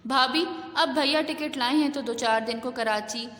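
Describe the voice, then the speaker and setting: A woman teacher voicing a gentle sister-in-law who coaxes and soothes, read in an echoey room. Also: high voice. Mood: coaxing. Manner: coaxing.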